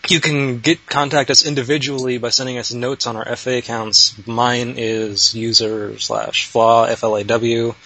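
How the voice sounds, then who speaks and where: A man with a bright, clear voice and a middle-range pitch, co-hosting a loose podcast. He laughs a lot and trips over his own restarts. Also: level tone, normal speed, few pauses. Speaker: podcast co-host. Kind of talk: casual podcast banter.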